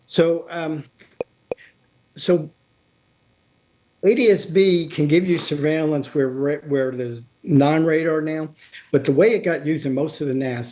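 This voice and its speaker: A man giving an informal technical talk over a remote call, halting, with many restarts and fillers. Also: a little high, warm tone. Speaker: guest speaker on aviation technology. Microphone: remote video call.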